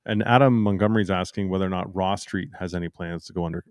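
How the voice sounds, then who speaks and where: A man's voice: low-pitched, fairly even intonation, quick pace, a little mellow, no room sound, studio quality. A man hosting a casual chat, giving short agreements and reading out viewer questions. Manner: brief backchannels, reads viewer questions. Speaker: host.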